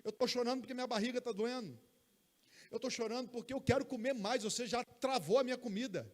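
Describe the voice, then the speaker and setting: A man's voice: very high voice, fast talker, pitched above the performer's own voice. A man speaking as a small baby explaining why it is crying. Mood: plaintive.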